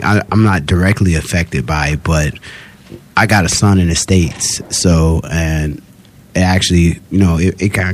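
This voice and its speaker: A man with a deep, husky voice chatting on a podcast. He talks haltingly, starting over and searching for his words as he goes. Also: a little mellow. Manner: halting, many restarts. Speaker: podcast guest. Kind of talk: casual chat.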